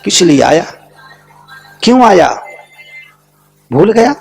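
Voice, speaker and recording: A man, a Jain monk, giving a sermon as an animated storyteller who chants repeated phrases and swings between soft and loud. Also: high-pitched, slow, vocal fry, breathy edge, faint music behind.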